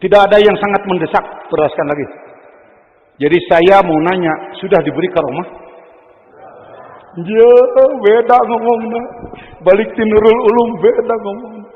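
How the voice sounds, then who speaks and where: A high-pitched man with a Sundanese accent delivers a sermon in a hall with long reverb. He swings dramatically between loud exhortation and hushed, confiding asides. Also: fairly even intonation, moderate pace, long pauses, narrow, tinny audio. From West Java, Indonesia. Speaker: preacher.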